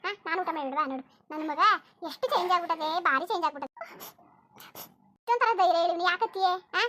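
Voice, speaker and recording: A woman doing a fast-talking village mother. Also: extremely high pitch, expressive, sharp tone, slight background noise, full character voice. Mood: coaxing. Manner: scolding then coaxing, rustic village speech. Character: protective village mother, scolding yet tender. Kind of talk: cartoon voice acting.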